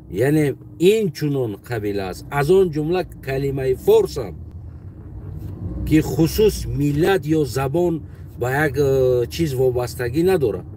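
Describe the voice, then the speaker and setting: A man with a Tajik accent talking in a casual monologue, halting and often pausing to search for his words. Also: a little high. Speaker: commentator. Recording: distant mic with loud outdoor traffic noise.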